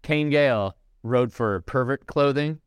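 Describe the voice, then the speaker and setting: A man's voice: medium pitch, unhurried, clear, resonant tone, no echo. A man co-hosting a casual podcast, eager and chatty, jumping in with stories. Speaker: podcast co-host.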